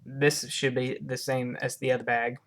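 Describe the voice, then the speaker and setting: Speaking in a low, level tone, a woman offers her viewers a relaxed product review. She falters along the way, going back over phrases and rephrasing them.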